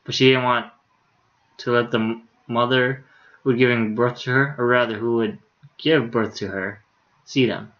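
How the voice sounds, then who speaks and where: A male game streamer with a medium-pitched voice reads a visual novel aloud at a moderate pace with fairly even intonation. He's casual and unpolished, stumbling over words and swearing in asides, and the stream audio sounds a little dull and lo-fi.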